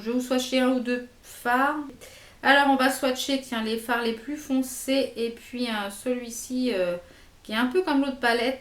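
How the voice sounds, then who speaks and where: A woman's voice: fairly high pitch, echoey room. Chatty woman with a hesitant, filler-heavy delivery. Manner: hesitant, many fillers and repeats; chatty, enthusiastic about products. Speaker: beauty vlogger. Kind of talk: casual makeup haul review.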